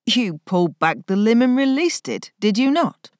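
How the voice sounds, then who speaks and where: A woman's voice: very animated, moderate pace, no room sound, clean studio sound. A woman voicing a wry, sore young viscount. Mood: wry, formal. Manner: formal period speech, rising to a strained high pitch.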